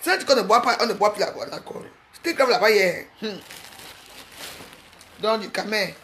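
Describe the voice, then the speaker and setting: A woman talking to her online followers in a mocking, scolding rant, full of quick restarts and jabs. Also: medium pitch, lively intonation, fairly bright tone, a little hiss or hum. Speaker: social media personality. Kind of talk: ranting live video.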